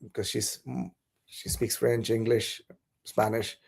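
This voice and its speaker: In casual podcast conversation, a guest from south India whose first language is Malayalam speaks thoughtfully and hesitantly, with many restarts. His fairly low voice is level and unhurried, a little mellow and slightly rough, with vocal fry.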